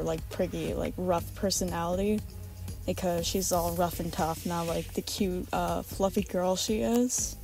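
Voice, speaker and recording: A woman with a raspy voice giving a casual, informal vlog voice-over about her art, rambling and hesitant as she goes. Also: mid-range voice, dark tone. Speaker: artist presenting original character redesigns.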